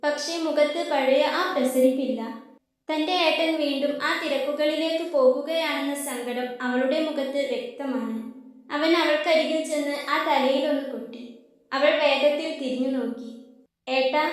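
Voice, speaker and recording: A woman storyteller calmly reading a scripted story aloud in a measured way, in a very echoey room. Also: sits high.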